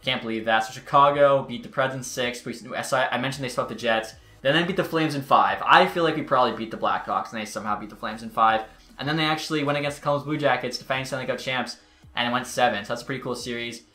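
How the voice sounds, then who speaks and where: A man's voice: medium pitch, quick pace, bright, forceful tone. A man giving casual gameplay commentary as a YouTuber, chatty with exasperated outbursts. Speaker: gaming YouTuber. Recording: roomy echo.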